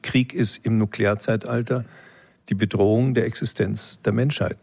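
His lowish voice has vocal fry and a slightly mellow quality. Being interviewed as a philosophy expert, the man reflects on each question and explains it like a professor giving a lecture, punctuated by little check-in tags.

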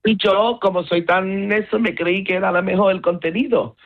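This casual conversational interview features a middle-aged woman from Gibraltar speaking with a Gibraltarian Llanito accent, swapping between Spanish and English mid-sentence. Her medium-pitched voice holds fairly even intonation at a moderate pace over a tinny, phone-like line.

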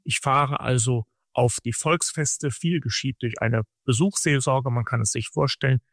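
Gravelly-voiced man explaining his ministry. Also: mid-range voice, a bit bright, dry recording, studio quality. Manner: measured, explanatory, long sentences. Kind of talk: radio interview answers.

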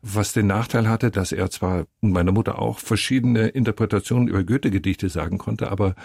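A man's voice: fairly low pitch, brisk, gravelly, darkish tone, slightly rough, no echo, studio quality. An older man, an actor, telling stories from his life in a reflective, rambling way as an interview guest. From born in the USA, raised in Germany. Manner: reflective, anecdotal, with frequent restarts. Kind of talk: relaxed interview conversation.

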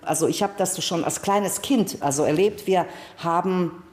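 Speaking German with a Balkan accent, this native Serbo-Croatian speaker, a middle-aged singer, actress and author from Serbia in former Yugoslavia, shares personal stories expressively as a guest in an interview. Her voice sits on the low side with a darkish tone and a moderate pace. Echo from a roomy space colors the recording.

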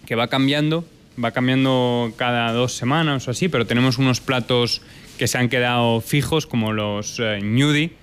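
Spanish chef talking in an interview. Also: male voice, medium pitch, fairly bright tone, a little hiss or hum. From Spain. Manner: thoughtful, many fillers and restarts. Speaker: chef and restaurant owner. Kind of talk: relaxed interview answers.

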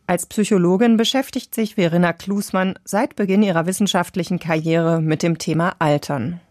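A woman reading a calm, scripted science radio feature. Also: on the low side, moderate pace, no room sound, clean studio sound. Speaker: radio narrator.

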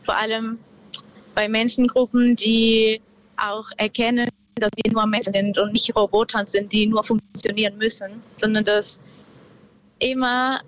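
A woman from Peru, calling in to a radio show from her car and speaking slowly and thoughtfully, with many pauses. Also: a little high, flat delivery, lo-fi sound. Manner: slow, thoughtful, hesitant. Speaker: caller. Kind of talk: radio call-in.

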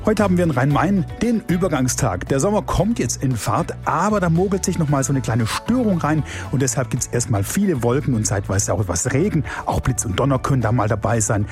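A man's voice: medium pitch, animated, a little fast, hardly any pauses, soft background music. A man giving a casual, colloquial weather forecast on the radio. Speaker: weather presenter.

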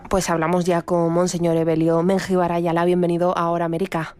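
A woman hosting a radio news interview, speaking in a clear, scripted way. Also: on the low side, monotone, a little fast, darkish tone. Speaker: radio host.

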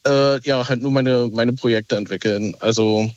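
Hesitant caller on a dull phone line. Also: male voice, medium pitch, steady tone, moderate pace, a little mellow, no echo. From Berlin, Germany. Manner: hesitant, lots of fillers and restarts. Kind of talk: casual phone-in chat. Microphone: telephone.

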